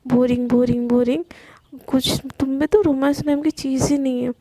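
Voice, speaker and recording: A playful young woman teases and pleads in a spoken love story, as a woman puts her on. The voice sits high and mellow, with a gravelly edge of fry. The recording is dry and close. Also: steady tone, moderate pace, no echo. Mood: teasing. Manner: teasing, coaxing.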